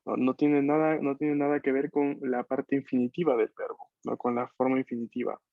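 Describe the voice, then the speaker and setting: A man's voice: medium pitch, flat delivery, fairly quick, vocal fry, no room sound. A man teaching a beginners' language class over a video call, patiently checking that students follow. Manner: patient, checks understanding with frequent questions. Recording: dull, dry video-call audio.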